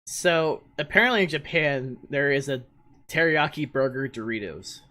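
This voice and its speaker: A man's voice: mid-range voice, lively intonation, normal speed, sharp tone. A man from New Jersey hosting a podcast, chatting casually and rambling through a list of snack flavors. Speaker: podcast host. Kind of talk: casual chat.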